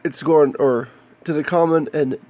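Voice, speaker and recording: Here an American man, a hobbyist filming electronics in his home workshop, talks through an unscripted show-and-tell with a slightly higher-than-average voice and a steady tone. His explanations are casual and plain, frequently pausing as he sorts out details, captured indoors on a handheld camera with a muffled sound.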